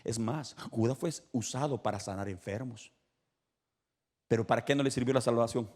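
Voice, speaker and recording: A man preaching an evangelical sermon in a church, swinging between shouted exhortations and hushed asides and repeating his points with emphasis. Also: mid-range voice, normal speed. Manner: emphatic and repetitive.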